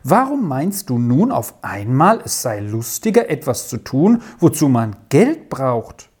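A woman voicing a gentle, easily frightened young girl in a children's story, pleading anxiously. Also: extremely low pitch, big pitch swings, a little slow, husky, full character voice. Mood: earnest.

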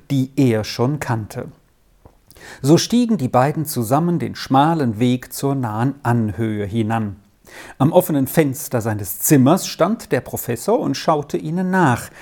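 A woman narrating a storybook in a measured, expressive reading style. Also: rumbling low. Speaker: audiobook narrator.

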